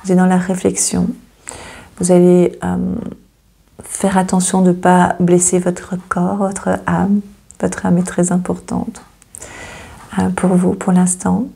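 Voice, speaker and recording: A woman talks through an astrology reading in a low, husky, gravelly voice with a dark, mellow tone. Her delivery is fairly flat and hesitant, full of fillers and repeated words. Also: takes it slowly, long pauses. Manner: hesitant, many fillers and repeats, gently reassuring. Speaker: astrology channel host. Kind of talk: casual astrology reading to camera.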